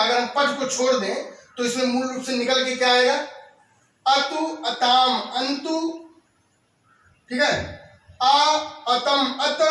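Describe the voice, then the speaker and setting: A man teaching a classroom grammar lesson, reciting verb forms slowly and explaining each step. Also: extremely high pitch, pushed and bright. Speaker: Sanskrit teacher. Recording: echoey room, voice from a distance.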